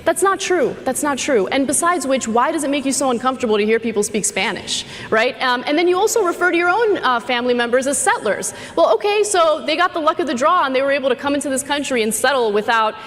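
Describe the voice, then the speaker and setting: A woman's voice: high-pitched, lively intonation, quick pace, few pauses, fairly bright tone. A woman from Los Angeles arguing earnestly as a panelist in a live debate, on a handheld mic in a large convention hall. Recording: reverberant hall, faint ambience.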